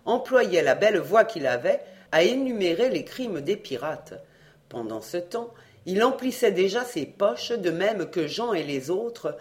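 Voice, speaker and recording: A reader narrating a children's adventure novel in a measured, lowered storytelling voice. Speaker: audiobook reader.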